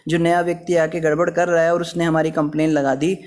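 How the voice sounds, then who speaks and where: A man's voice: on the high side, little pitch movement, quick pace, darkish tone. Man teaching a scripture class. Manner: explanatory, storytelling with everyday examples. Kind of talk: Hindi scripture class sermon.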